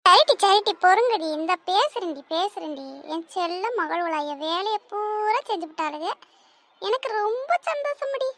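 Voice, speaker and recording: Lady voicing a bossy cartoon mom, slow stern scolding, really high voice. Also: animated, a bit bright, full character voice. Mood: pleased. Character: strict scolding mother of two girls. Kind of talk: cartoon voice acting.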